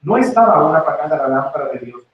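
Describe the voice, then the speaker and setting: A man preaching a lively sermon and acting out the voices in the story. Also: fairly high pitch, quick pace, phone-quality sound, slight background noise. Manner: animated, acts out voices in the story. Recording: very echoey church recording from far off.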